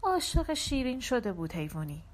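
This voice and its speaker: A woman reading an audiobook voices an older male army sergeant-major who speaks quietly and gravely. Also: big pitch swings. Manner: speaks softly, low and hushed.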